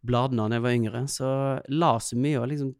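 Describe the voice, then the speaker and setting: A man in his thirties, a podcast guest, telling stories in an animated way in casual chat. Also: medium pitch, no room sound, clean studio sound. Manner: animated, laughing storyteller.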